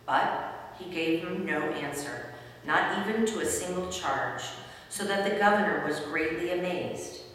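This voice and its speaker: A woman's voice: fairly low pitch, measured pace, a bit bright. A woman narrating a scripted dramatic Bible reading in a formal storytelling manner. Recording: distant, very echoey hall, faint noise.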